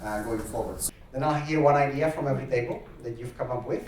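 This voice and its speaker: A Czech man whose first language is Czech facilitates a workshop in a large conference hall, talking fast in a medium-pitched, darkish voice. He gives instructions full of fillers and encourages the groups. The hall echoes, he's far from the mic, and there's slight background noise.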